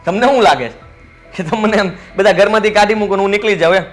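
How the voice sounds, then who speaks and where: A man's voice: high-pitched, quick pace, soft background music, natural voice. An actor playing a cocky, idle young married man who argues with his father in a mocking tone. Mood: defiant. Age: young adult.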